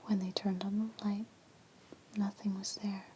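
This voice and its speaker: Hushed whispering woman telling creepy tales, unhurried. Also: medium pitch, level tone, a little hiss or hum. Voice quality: breathy whisper. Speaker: storyteller. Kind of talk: hushed whispered ASMR reading of creepy scary stories.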